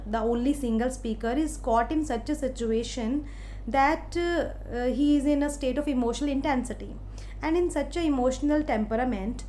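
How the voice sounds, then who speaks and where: A woman from India with an Indian English accent, giving a literature lecture in a slow, explaining way with many hesitant fillers. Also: sits high, mellow, a little hiss or hum. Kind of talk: recorded lecture.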